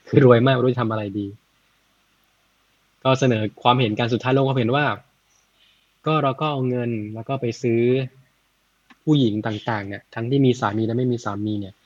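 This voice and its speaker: A man retelling a Buddhist story in a casual, chatty way, often adding soft tag words and working out sums aloud. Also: mid-range voice, fairly even intonation, fairly quick, long pauses, dry recording, highs cut off. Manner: chatty, frequent "na" tags, thinks aloud with math.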